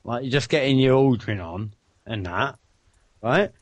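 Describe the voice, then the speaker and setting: A man's voice: medium pitch, lively intonation, normal speed, dry recording. A man hosting a live video chat at his computer, rambling and swearing in casual banter.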